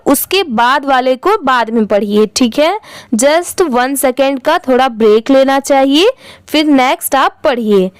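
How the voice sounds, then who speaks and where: Slow, high-voiced woman teacher. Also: no room sound, low-quality recording. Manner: spells words letter by letter, then reads them slowly. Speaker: English reading teacher. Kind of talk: step-by-step spelling and reading lesson.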